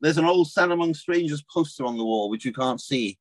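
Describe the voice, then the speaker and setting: Male guest, fairly high voice, fast jokey talk, dry close sound. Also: animated, no room sound. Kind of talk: casual video-call interview. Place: small cabin.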